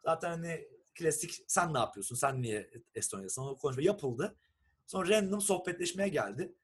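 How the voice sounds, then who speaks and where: A young man from Turkey, telling a long story in a casual, animated chat and acting out what people said. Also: fairly high pitch, a little fast, breathy edge. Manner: animated storyteller who acts out quoted texts and swears casually.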